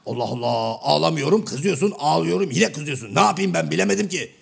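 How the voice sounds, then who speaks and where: Man voicing a shadow-play clown, male, middle-aged, gravelly, husky, bouncy lively pitch, mishears everything. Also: fairly quick, full character voice. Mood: mock-innocent. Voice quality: gravelly, raspy. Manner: mishears everything and answers with cheeky misunderstandings. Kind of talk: comic shadow-play sketch.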